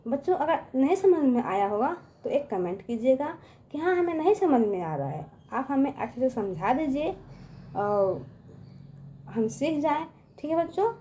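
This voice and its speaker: A woman teaching young children in a coaxing voice, often addressing them and slowly stretching out each syllable as she sounds it. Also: high-pitched, sing-song, dark tone, a little hiss or hum. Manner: coaxing, repeats "ठीक है" and "बच्चों" often. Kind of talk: children's lesson.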